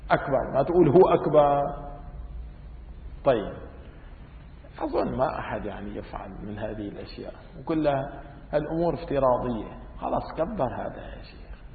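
A man's voice: mid-range voice, a little hiss or hum. Man teaching in an echoey hall. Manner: lively, demonstrative, wry asides. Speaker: teacher of Islamic law. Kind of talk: religious lesson. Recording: tinny phone-like sound in echoey hall.

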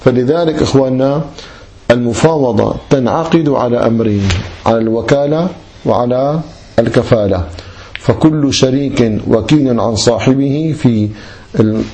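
Brief: man, mellow tone, lecturer on Islamic law who keeps putting questions to his class and answering them himself. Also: mid-range voice, moderate pace, a little hiss or hum. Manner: addresses listeners as brothers, poses and answers his own questions.

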